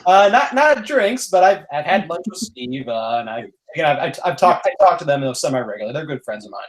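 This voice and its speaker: A man's voice: a little high, sing-song, quick pace, rough recording. A man who writes, speaking as a panel guest on a video call, modest and stumbling over repeated words. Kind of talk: casual panel chat.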